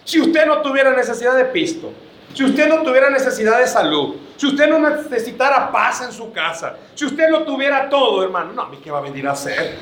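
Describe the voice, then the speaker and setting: A man's voice: very high-pitched, very animated, a little fast, a bit bright, echoey room, a little hiss or hum. A man preaching a sermon to his church, joking and calling his listeners brother.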